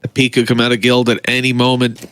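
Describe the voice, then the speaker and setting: A man's voice: medium pitch, completely flat delivery, fast. A man giving live esports match commentary and analysis as a caster, with game sounds audible behind him. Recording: clear game noise behind the voice.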